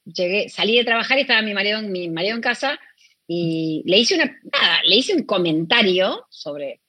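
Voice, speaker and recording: A woman's voice: medium pitch, expressive, normal speed, sharp tone, no echo. A middle-aged woman with a Rioplatense Spanish accent, a guest in a conversational interview, talking expressively and acting out quoted dialogue.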